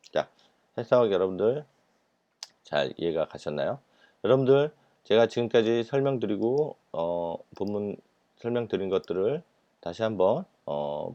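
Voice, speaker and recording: Low-voiced man giving a patient lecture. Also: a little mellow, dry recording, highs cut off. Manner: patient explaining with frequent fillers and repeated words. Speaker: Japanese language instructor. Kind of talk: recorded lecture.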